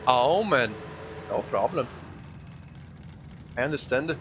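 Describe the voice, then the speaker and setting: Bright-voiced chatty male streamer. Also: mid-range voice, lively intonation, highs cut off, a little hiss or hum. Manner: chatty, addresses viewers directly; halting, non-native English phrasing. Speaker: live streamer. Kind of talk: casual chat while gaming.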